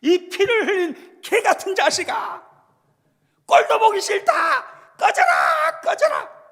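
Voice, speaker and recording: A man shouting as a jeering man cursing in Jeolla dialect. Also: very high-pitched, wildly swooping pitch, slow, vocal fry, in a large hall, pitched above the performer's own voice, exaggerated voice. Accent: Jeolla Korean. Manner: shouting insults. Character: jeering, cursing man hurling abuse at a king.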